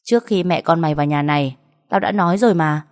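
A blunt, scolding older stepsister, as a woman reader puts her on, talking roughly and impatiently. The voice sits somewhat low for a woman. She is a figure in a narrated story. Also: quick pace, darkish tone. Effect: heard over a phone call.

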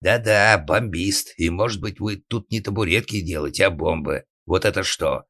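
A man voicing a suspicious, blustering male organ grinder who shouts accusations in an audiobook. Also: low voice, normal speed, no room sound, studio quality. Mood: angry. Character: drunken, suspicious, bullying middle-aged male organ grinder. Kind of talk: audiobook character acting.

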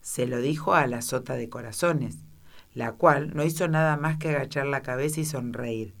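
Audiobook reader, woman, expressive storyteller. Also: extremely low pitch, normal speed, creaky. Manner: expressive storytelling, shifting into character voices. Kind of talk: audiobook narration of a children's classic.

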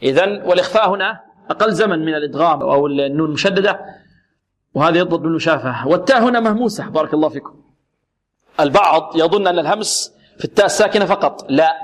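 A male Quran recitation teacher gives a radio lesson in a slightly high voice. He poses questions and answers them himself. He repeats and stretches words slowly to demonstrate how each letter should sound. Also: expressive. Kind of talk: tajweed lesson on an Islamic radio program.

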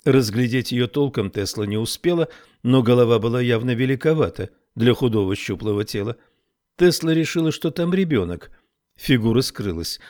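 A man narrating an audiobook in a measured, even reading voice. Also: mid-range voice. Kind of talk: scripted narration.

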